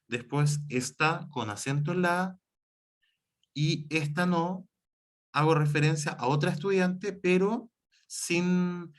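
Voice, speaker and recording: A male teacher gives an online lecture and keeps adding examples. His voice sits a little high for a man. He often stops to correct himself mid-sentence. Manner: explains with many examples and self-corrections.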